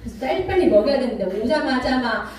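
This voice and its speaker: A woman pastor preaching a sermon, calling for amens and acting out arguing couples in sudden high voices. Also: lively intonation, fast, crowd noise. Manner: call-and-response preaching, acting out quarrels. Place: church sanctuary. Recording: echoey church hall, mic at a distance.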